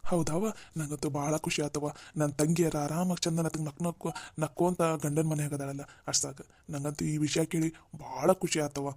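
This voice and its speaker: A man voicing a humbled, jobless older brother in a cartoon drama, speaking gently. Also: on the high side, level tone, normal speed, no echo, clean studio sound. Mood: gentle. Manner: gentle, pleading, dialect-heavy.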